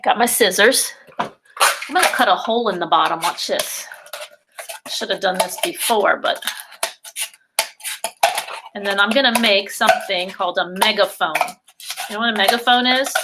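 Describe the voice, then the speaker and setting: Slow sing-song preschool teacher woman. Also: medium pitch, heavy background noise. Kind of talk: virtual circle time lesson for young children.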